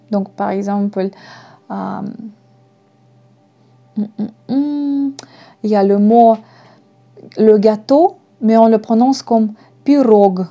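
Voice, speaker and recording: A woman's voice: medium pitch, mellow, lo-fi sound. A woman with a Russian accent teaching a language lesson, patiently spelling words out letter by letter. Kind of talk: slow online language lesson.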